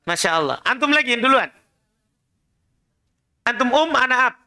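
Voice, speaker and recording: A man's voice: extremely high pitch, animated, moderate pace, bright, forceful tone. A man teaching an Arabic class in a prayer room studio. He drills the students, has them repeat lines and corrects their pronunciation.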